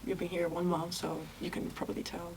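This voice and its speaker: A young Italian woman hosts a student podcast in a school room, chatting casually in a relaxed way, asking questions and laughing often. Her voice is lowish and creaky, a little fast, picked up on a distant mic with a noisy background.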